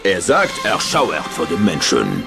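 An actor voicing a monster who deadpan translates a frozen chef's babble in a film dub. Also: male voice, deep voice, measured pace, creaky, heavily acted. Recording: film soundtrack with music.

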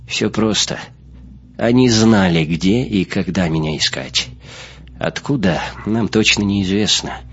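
A man's voice: sits low, a little slow, slightly rough, heavily acted. A man voicing an earnest young woman survivor. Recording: muffled lo-fi recording.

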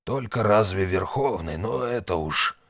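A man's voice: on the low side, lively intonation, unhurried, fairly bright tone, dry recording, studio quality, heavily acted. A man playing a shrewd, weary old man. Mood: curt. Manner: grim, curt.

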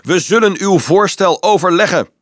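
A man voicing a young boy who leads a children's crusade, shouting anxiously. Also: high voice, moderate pace, no echo, studio quality, pitched above the performer's own voice. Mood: desperate. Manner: yelling upward, anxious.

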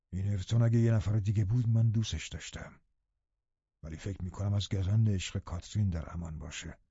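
Man voicing bitter scheming middle-aged man, low muttering, husky, dull dry audiobook sound. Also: warm tone, no echo.

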